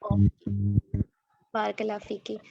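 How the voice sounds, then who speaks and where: A woman teaching Quran recitation online, drawing verses out slowly for repetition, then correcting and praising briskly. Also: mid-range voice, big pitch swings, creaky, dark tone, dry recording, muffled recording, faint music behind. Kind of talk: online tajweed lesson, call and repeat.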